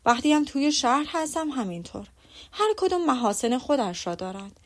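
Woman reading a breezy young gentleman, cheerful, agreeable, audiobook. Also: sits high, sing-song.

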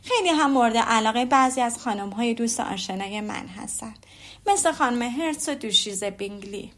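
A woman reading the lines of a witty, teasing young lady in a storybook, with an ironic, lively manner. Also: fairly high pitch, close to an everyday voice.

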